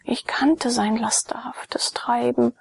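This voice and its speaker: A woman's voice: a little high, steady tone, slow, gravelly, a little mellow, husky, dry recording, voice pushed up, exaggerated voice. A woman putting on a proud blind slave girl. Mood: proud, plain.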